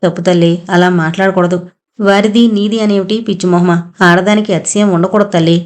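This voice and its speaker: A woman voicing a frail, ailing older mother who speaks softly and tenderly, in a storybook reading. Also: medium pitch, steady tone, fairly quick, close to an everyday voice. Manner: soft, tired and tender.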